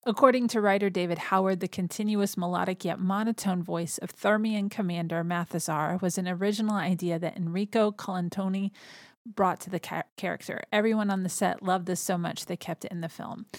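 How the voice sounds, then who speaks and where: A woman's voice: fairly low pitch, steady tone, fairly quick, dry recording, studio quality. A woman hosting a podcast in an enthusiastic, chatty way. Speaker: podcast host. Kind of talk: casual chat.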